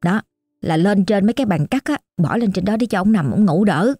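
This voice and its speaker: A woman's voice: medium pitch, animated, fairly quick, warm tone, breathy edge, dry recording, studio quality, faint music behind. A woman with a Southern Vietnamese accent telling a story in a chatty, colloquial, exclamatory way. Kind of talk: casual oral storytelling.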